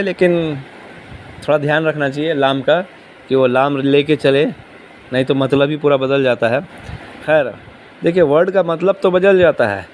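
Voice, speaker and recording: A man's voice: a little high, a little hiss or hum. A man teaching a Quran commentary lesson, explaining patiently, asking the listeners questions and repeating key words. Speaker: religious teacher.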